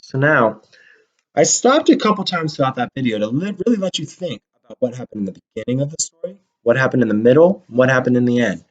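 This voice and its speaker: With a mid-range voice, lively intonation, and a quick pace, a man reads a storybook and teaches young children a lesson, upbeat as he draws and talks to them. The audio is dull and lo-fi.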